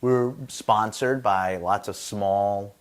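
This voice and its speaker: A man in his late forties, a comedian who grew up in the US, chatting casually and low-key as a podcast guest, trailing off with fillers. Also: fairly even intonation, takes it slowly, smooth. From Vietnam, raised in the US South and Texas. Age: late 40s.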